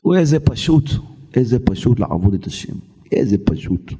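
A rabbi giving a dramatic sermon, quoting texts with sweeping rises and slowed emphasis. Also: male voice, medium pitch, sing-song, warm tone, husky. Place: synagogue hall. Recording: long hall reverb.

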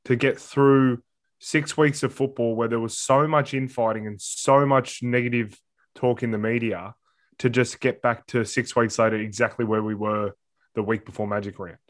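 A man's voice: medium pitch, steady tone, moderate pace. An Australian man giving blunt, sweary opinions as a panellist in casual sports chat. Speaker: podcast panellist.

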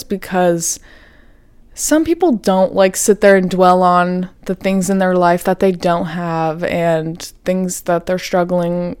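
A woman's voice: fairly low pitch, darkish tone, clear, resonant tone, dry recording, clean studio sound. A young woman hosting her own podcast, chatting casually and candidly, cursing freely, saying "like" constantly and laughing often. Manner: chatty, profane, says "like" a lot, laughs often. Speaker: podcast host. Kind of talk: casual solo podcast talk.

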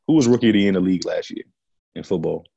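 A man's voice: sits low, racing, gravelly, warm tone, husky, dry recording, muffled recording. A man hosting a casual podcast chat, slangy and often putting questions to his friends. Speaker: podcast host.

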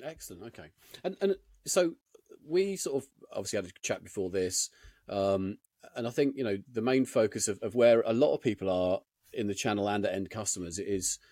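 A man's voice: fairly low pitch, expressive, fairly quick, darkish tone, dry recording. A man hosting an interview podcast in a chatty, unscripted way, his diction slightly slurred and sticky-lipped. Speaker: podcast host, IT consultant.

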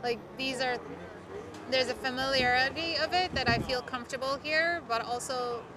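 A high-pitched woman from Turkey talks at a moderate pace while co-hosting a podcast outdoors at a city restaurant, chatty and full of "like" fillers. Busy street crowds and traffic are audible behind her.

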